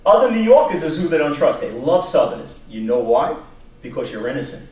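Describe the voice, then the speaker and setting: A job search instructor from Long Island, Brooklyn accent, slightly high and a little fast, delivers an informal, story-driven talk to staff. He animates quotes, throws out rhetorical questions, and chuckles. The sound is echoey and faraway from an indoor meeting room, with noise in the background.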